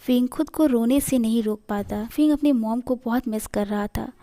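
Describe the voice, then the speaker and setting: A woman narrating a fan-fiction story in a steady, plain reading voice. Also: on the high side.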